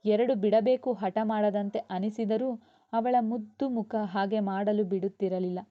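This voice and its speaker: A woman's voice: mid-range voice, fairly even intonation, unhurried. Woman narrating a serialized novel. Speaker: storyteller. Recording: dull lo-fi.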